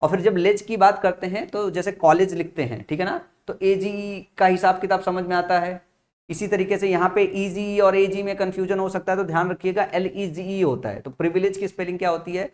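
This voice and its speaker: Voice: mid-range voice, fairly even intonation, a little fast, darkish tone. A teacher giving an exam-prep lesson, spelling words out letter by letter and often checking in with the listener. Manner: explains with memory tricks, repeating key points.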